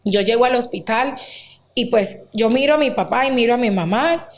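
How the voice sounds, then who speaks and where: A woman, a guest recounting a deeply painful personal story, acting out quoted dialogue with many fillers. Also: moderate pace. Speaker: interview guest. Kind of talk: emotional personal testimony.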